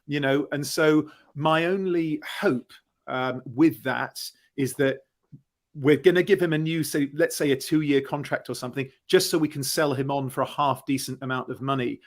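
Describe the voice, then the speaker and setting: A man's voice: on the high side, fairly even intonation, normal speed. A man in a casual football discussion, talking as a fan panellist, emphatic and thinking aloud with rhetorical questions.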